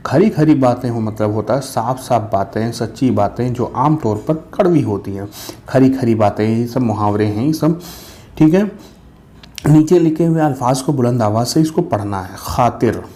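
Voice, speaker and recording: A man teaching children a school lesson, reading the story aloud and then explaining word meanings slowly and patiently, often checking in with "theek hai". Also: medium pitch, mellow. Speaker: Urdu teacher.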